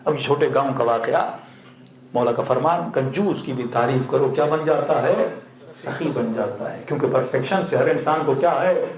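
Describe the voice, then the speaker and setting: Man preaching in an echoey hall. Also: medium pitch. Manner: asks the audience questions and answers them himself; chuckles now and then. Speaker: Shia cleric. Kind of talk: sermon with storytelling.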